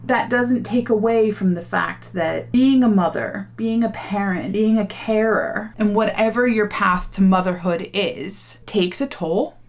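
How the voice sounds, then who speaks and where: Woman, 30s, mid-pitched beauty vlogger; heartfelt and chatty, gushing over makeup at home. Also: measured pace, few pauses. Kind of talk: casual reflective talk while doing makeup. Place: home room, hot.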